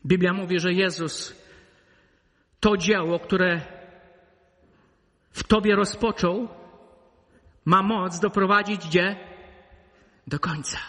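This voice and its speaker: A man preaching with a high, bright, ringing voice, and the long reverb of a church hall trails each phrase. His delivery is emphatic: it swells into loud calls, then drops low and close. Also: steady tone, slow pace, long pauses. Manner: emphatic preaching that swings between loud peaks and low intimate asides. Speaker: pastor. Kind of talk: sermon.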